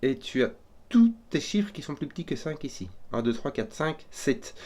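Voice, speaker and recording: A man solving a number puzzle out loud, hesitant and often correcting himself as he works through it. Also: a little high, sing-song. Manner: hesitant, self-correcting, halting. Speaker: puzzle solver. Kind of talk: thinking aloud while solving a puzzle.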